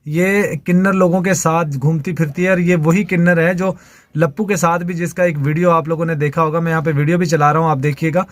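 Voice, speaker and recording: Casting: man, slightly high voice, dry close sound, indignant accusations. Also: steady tone, a little fast, no echo. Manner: indignant, repetitive. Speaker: commentator. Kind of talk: accusatory commentary over videos.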